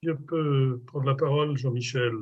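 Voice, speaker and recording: A man speaking in a group discussion, measured, often repeating words while he thinks. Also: mid-range voice, fairly even intonation, highs cut off. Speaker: club member in a discussion. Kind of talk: casual discussion.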